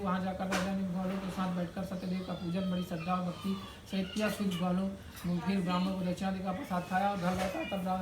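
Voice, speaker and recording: A man acting as a priest, reading a religious story aloud and chanting names in a hurried, even way with small slips and restarts. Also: high voice. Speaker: priest leading a home worship ritual. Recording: echoey room, faint background noise.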